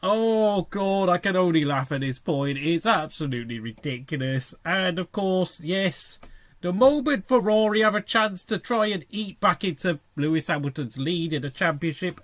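A man with a fairly high voice gives informal motorsport commentary as a channel host. His delivery is sardonic, and the recording is dry and close. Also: a bit bright, no echo.

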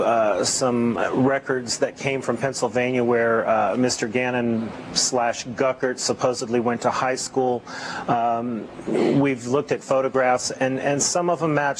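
A middle-aged male investigator is interviewed on television. He speaks haltingly at medium pitch, with faint background noise. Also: poor audio.

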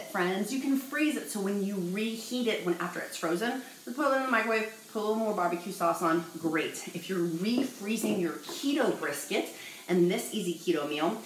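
A woman's voice: mid-range voice, roomy sound, slight background noise, poor audio. A woman, chatting bubbly and jokey to the camera in a home cooking vlog. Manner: chatty, bubbly, jokey, addresses viewers as y'all. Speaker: vlogger. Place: home dining room.

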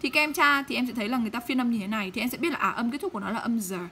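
Woman teacher going over english word endings, bright slightly high voice, keeps checking in with students, faint background hiss. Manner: checks often with questions to students; models English words slowly. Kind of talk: pronunciation lesson.

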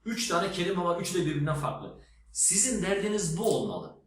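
Male teacher, emphatic lesson delivery with spoken word demos; slightly high voice, heavy room echo. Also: sing-song, fairly quick. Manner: emphatic, teacherly, demonstrates words aloud. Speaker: English teacher. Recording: very echoey room with faint noise.

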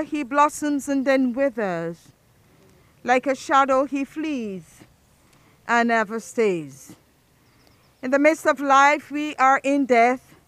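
Woman officiant at an outdoor graveside; high-pitched, unhurried, solemn recitation of burial prayers. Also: fairly bright tone, no room sound. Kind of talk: reading a funeral liturgy.

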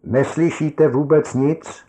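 A man's voice: on the high side, fairly even intonation, mellow, pitched above the performer's own voice, lightly acted. A man voicing a shaken lieutenant who pleads and protests urgently. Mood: urgent, pleading.

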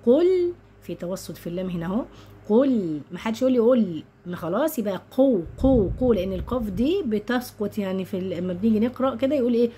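A woman with an Egyptian accent teaching tajweed, chanting verses slowly and melodically, then explaining quickly and repeating sounds to correct them. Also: medium pitch, warm tone, a little hiss or hum. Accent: Egyptian Arabic. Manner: drawn-out melodic recitation between quick explanations. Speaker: Quran recitation teacher. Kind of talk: tajweed lesson with slow recitation.

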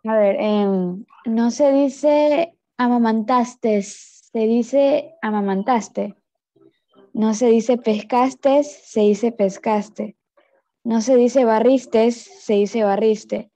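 A woman's voice: a little high, extremely slow, dark tone. A teenage girl, a student answering hesitantly in an online class. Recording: dull lo-fi call audio.

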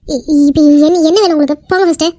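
[name], a woman doing a shrill scolding young wife. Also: dark tone, no echo, clean studio sound, natural voice. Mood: angry. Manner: scolding, indignant, quick retorts. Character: young wife, hurt and angry, sharp-tongued. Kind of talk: cartoon skit voice acting.

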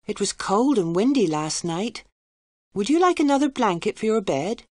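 A woman voicing a polite young servant girl at an inn, speaking higher and slower than her narration. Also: sing-song, no echo, studio quality.

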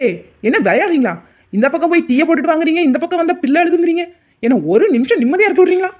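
A woman voicing a fed-up, sharp-tongued young daughter-in-law in a cartoon story. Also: high-pitched, big pitch swings, muffled recording. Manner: quick, retorting.

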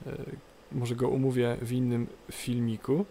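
A man with a gravelly edge narrates a game tutorial off the cuff. He explains haltingly, repeating phrases, over faint noisy cockpit ambience. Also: mid-range voice, little pitch movement, mellow. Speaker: tutorial presenter. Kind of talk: unscripted game tutorial commentary. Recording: light background noise, game cockpit ambience. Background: flight simulator cockpit ambience.

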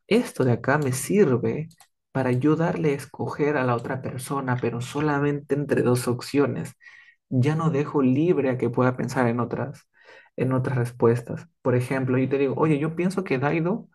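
A man with a middle-pitched voice explains grammar to a live class. He is patient and checks often that students follow. He acts out small example dialogues. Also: a little mellow. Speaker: English teacher.

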